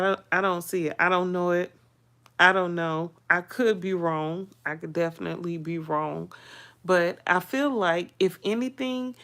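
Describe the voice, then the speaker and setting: Chatty woman vlogger with a lowish voice. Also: fairly bright tone. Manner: chatty, hedging with personal opinions. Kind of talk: casual gossip commentary.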